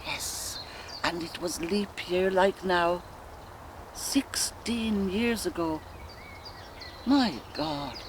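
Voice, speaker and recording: Outdoors in countryside woodland, with faint birdsong and nature ambience, an actress with a lowish voice and an Irish accent performs a theatrical soliloquy as a sensual woman lost in rapturous memory. Her delivery is tender, musing and expressive, slow and deliberate, punctuated by sighs.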